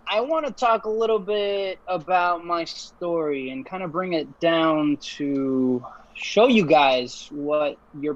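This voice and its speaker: Earnest young man on a muffled call. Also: a little high. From Ecuador, raised in Puerto Rico. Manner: earnest, relaxed, with frequent fillers and restarts. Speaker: engineer, guest speaker. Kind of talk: casual webinar talk. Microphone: video call. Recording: muffled video-call audio.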